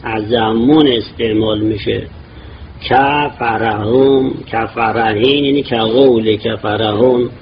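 A man teaching Arabic grammar in a lecture, reading Arabic phrases slowly and then explaining them at length. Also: mid-range voice. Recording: dull lo-fi recording with clear background noise.

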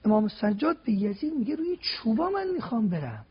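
A man with a high, gravelly voice and a very husky edge delivers a preaching talk on a TV program. He is emphatic and builds his case step by step, asking rhetorical questions. The sound is dull and lo-fi, like an old broadcast. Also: sing-song. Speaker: religious guest speaker.

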